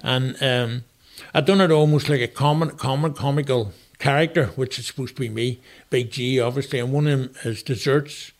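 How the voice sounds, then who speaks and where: A man's voice: mid-range voice, fairly even intonation, normal speed. A man in his sixties with a Northern Irish accent, a retired chef chatting as a guest and telling rambling, anecdotal stories. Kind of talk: casual interview chat.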